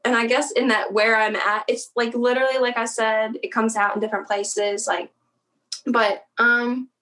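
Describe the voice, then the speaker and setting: A woman's voice: a little high, little pitch movement, normal speed, bright, forceful tone. Chatty laughing woman from Pennsylvania. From South Central Pennsylvania. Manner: chatty, laughs often, trails off and restarts. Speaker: interview guest. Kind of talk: casual conversational interview.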